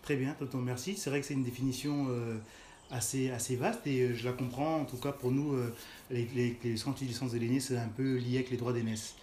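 A man's voice: mid-range voice, steady tone, fairly quick, warm tone, slight background noise. A man hosting a casual interview, asking questions and murmuring agreement with many fillers. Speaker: podcast host. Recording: echoey room with faint music.

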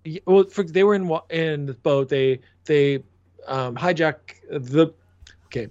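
A man's voice: a little high, measured pace, a little mellow, dry recording, muffled recording. A man in casual podcast chat, rambling with frequent restarts and fillers. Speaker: podcast co-host.

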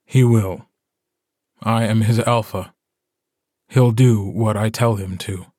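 A male audiobook narrator playing a tired, stubborn grown man who leads a werewolf pack. He speaks in a grave, measured way. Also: on the low side, steady tone, a little mellow, dry recording, clean studio sound. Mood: stern.

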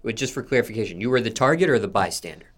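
A man hosting an interview, asking measured, methodical follow-up questions. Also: on the low side, expressive, fairly bright tone. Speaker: interview host.

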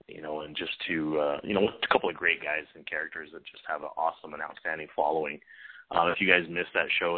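A male sports radio host with a very low voice talks off the cuff, haltingly and informally. The sound is thin and phone-like, as on internet radio. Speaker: sports talk show host. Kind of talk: unscripted internet radio talk. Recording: muffled narrow-band phone-like internet radio.

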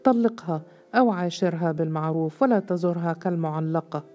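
A woman's voice: lowish voice, brisk, warm tone, lightly acted. Stern male judge, read by a woman. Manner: firm, commanding. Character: stern older male judge, firm and grave.

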